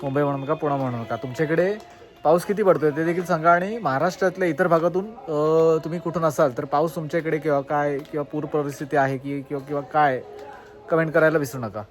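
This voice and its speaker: A man's voice: a little high, fast talker, soft background music. Chatty village vlogger man. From Konkan, Maharashtra. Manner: chatty, addresses viewers as a group, asks them to comment. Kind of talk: casual vlog narration.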